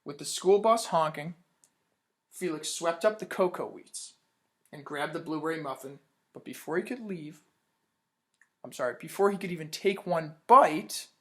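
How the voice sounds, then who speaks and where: A fairly high-pitched man with a fairly bright tone reads a picture book to children. As a teaching storytime, it features him stopping to quiz the listeners and praise their replies.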